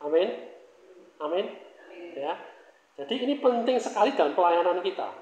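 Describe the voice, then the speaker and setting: High-voiced man preaching in an echoey hall. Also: lively intonation, normal speed, darkish tone, dull audio. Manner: conversational preaching with frequent rhetorical questions and asides. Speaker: pastor. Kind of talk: sermon.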